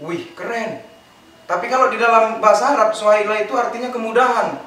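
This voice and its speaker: A young man telling stand-up stories in an animated way, laughing at his own jokes. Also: high-pitched, brisk. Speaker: stand-up comedian. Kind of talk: stand-up comedy storytelling. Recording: very echoey room, distant mic.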